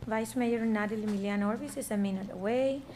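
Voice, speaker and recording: A woman's voice: mid-range voice, fairly quick, a little mellow. A woman speaking as a city clerk, formally reading out meeting business over a meeting room microphone. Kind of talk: formal reading of roll call and agenda. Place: indoor public meeting room. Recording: meeting room mic with clear background noise.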